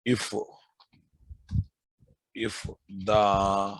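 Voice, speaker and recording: A man's voice: fairly low pitch, completely flat delivery, very slow, no room sound, low-quality recording. A man with a Telugu Indian accent giving a live technical lecture as an instructor, repeating key phrases and checking in with his listeners. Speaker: programming instructor.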